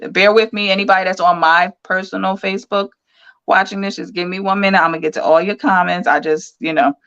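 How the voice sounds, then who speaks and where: A woman's voice: mid-range voice, fast talker, clean tone, lo-fi sound. A woman co-hosting a podcast, chatting casually and telling stories with lots of fillers. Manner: animated storytelling with lots of fillers. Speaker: podcast co-host. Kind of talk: casual livestream chat.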